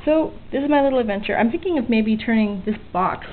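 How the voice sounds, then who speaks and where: Her voice runs fairly high, expressive and fast as this woman presents her electronics hobby project, casually and without a script, joking at her own expense and swearing mildly. A handheld camera's built-in mic captures tinny, band-limited audio with hiss. She's in a small home work area by an open window, where faint outdoor weather is audible.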